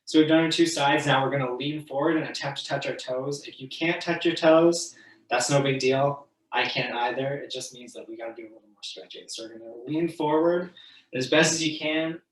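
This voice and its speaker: A man leading an online stretching class, casual and encouraging, counting each hold out loud. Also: fairly high pitch, recorded from a distance. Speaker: fitness instructor. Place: room, moving away from the mic while standing. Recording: echoey room, voice from off the mic.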